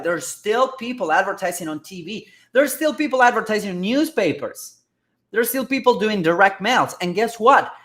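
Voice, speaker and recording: A man hosting casual business commentary on advertising, energetic and excitable, often checking in with "all right?" and "guys". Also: sits high, echoey room. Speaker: marketing host.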